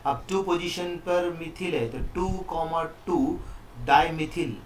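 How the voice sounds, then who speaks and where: A man's voice: on the high side, slow pace, slight background noise. Man teaching chemistry in an echoey room. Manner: explains step by step, often asks the students questions. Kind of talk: online chemistry lesson. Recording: echoey room, mic at a distance.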